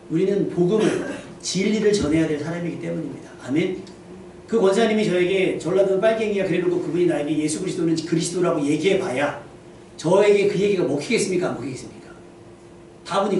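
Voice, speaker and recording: A male pastor with a high-pitched voice preaches in a church sanctuary, keeping his sermon conversational and frequently asking the congregation questions. The mic sits far off in the echoey hall, and there's a faint hiss or hum.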